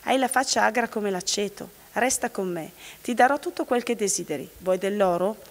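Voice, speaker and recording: A woman's voice: medium pitch, normal speed, lightly acted. Woman reading a jolly old king from a fairy tale, plain read-aloud voice, echoey hall. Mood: jovial. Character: old king, jovial and generous. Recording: long hall reverb.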